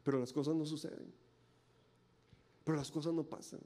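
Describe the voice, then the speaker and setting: Dramatic high-voiced pastor preaching. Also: male voice, fairly even intonation, moderate pace, dark tone. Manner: dramatic, acts out imagined voices, rhetorical questions. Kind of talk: sermon.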